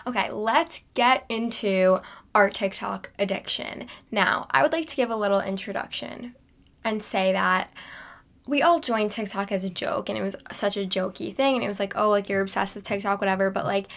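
A woman co-hosting a podcast in casual chat, relaxed and full of "like", recorded inside a small hot closet. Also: mid-range voice. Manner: chatty, relaxed, heavy use of "like". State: overheated. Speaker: podcast co-host.

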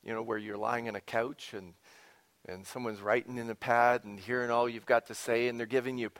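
A man preaching a sermon with expressive emphasis, dropping to a whisper and rising for key points, with conversational asides to the congregation. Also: medium pitch, fairly quick. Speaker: pastor.

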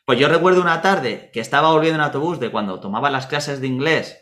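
Spanish man, mid-pitched, casual storyteller who acts out dialogue. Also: quick pace. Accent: Spanish from Spain. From Spain, Murcia. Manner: animated anecdotes, acts out dialogue.

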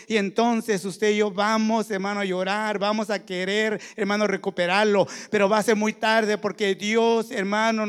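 A man's voice: high-pitched, clean tone. A man preaching a sermon in a small church, earnestly addressing the congregation and repeating "brother" over and over. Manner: repeats "hermano" constantly, folksy and earnest.

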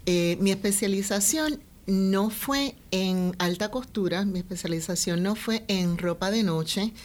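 A Puerto Rican woman, a fashion designer, answering interview questions in a measured, thoughtful way. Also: medium pitch. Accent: Puerto Rican Spanish. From Puerto Rico.

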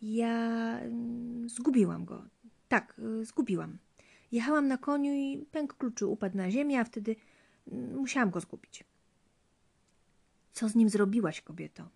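A woman's voice: mid-range voice, brisk, vocal fry, few pauses, mellow, slightly rough. A woman voicing a frightened young wife who stammers and pleads for her life, in a spoken fairy tale. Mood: stammering.

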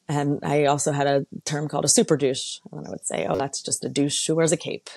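A woman with a low voice hosts a casual solo talk, candid and conversational with a sarcastic edge. The sound is dry and close, with no room around it. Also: steady tone, brisk, vocal fry, a little mellow, husky, dry recording. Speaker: podcast host. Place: lives in San Diego.

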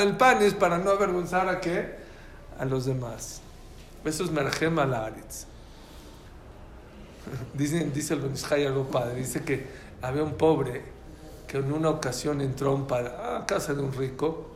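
A man teaching a lively religious class, telling stories and quizzing his listeners. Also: fairly high pitch, unhurried, a little hiss or hum. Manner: animated storytelling, quizzes listeners. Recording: echoey room, faint ambience.

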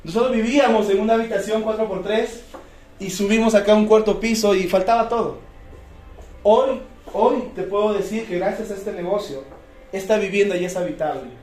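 A man with a Peruvian accent giving an energetic motivational sales talk, firing rhetorical questions and repeating key words. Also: high voice, brisk, soft background music. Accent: Peruvian Spanish. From Peru. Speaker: business presenter. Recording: echoey room, distant mic.

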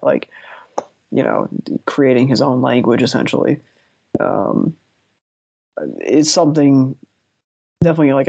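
A man's voice: medium pitch, gravelly, a little mellow, slightly rough, dry recording. Male co-host, casual chat, hesitant and wry, close and dry sound. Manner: rambling, hesitant, dryly sarcastic. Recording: dull lo-fi dry audio.

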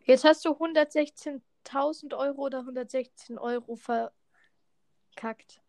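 A woman's voice: high-pitched, steady tone, unhurried, a little mellow, no room sound. A woman co-hosting a casual podcast chat, teasing and mocking her partner in a dry way. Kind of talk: casual chat while opening in-game rewards.

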